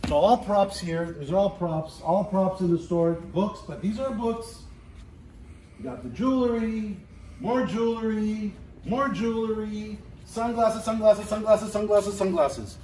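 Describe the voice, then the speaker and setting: A middle-aged man giving a casual walking tour of a large warehouse as an auctioneer, chatty and playful, listing items in quick repeats. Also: high-pitched, warm tone. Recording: roomy warehouse echo, faint background noise.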